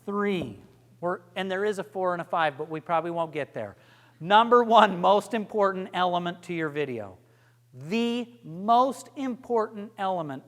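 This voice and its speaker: A man presenting a workshop, energetic and joking, quizzing his audience as he teaches. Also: high voice. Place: lecture room with audience. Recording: long hall reverb.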